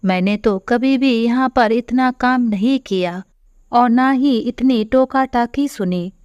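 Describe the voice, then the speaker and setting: A woman's voice: on the high side, takes it slowly, a little mellow, clean tone, no echo. A woman voicing a spoiled young married daughter who whines resentfully about her in-laws, on a dull lo-fi recording. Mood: complaining. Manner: whiny, resentful.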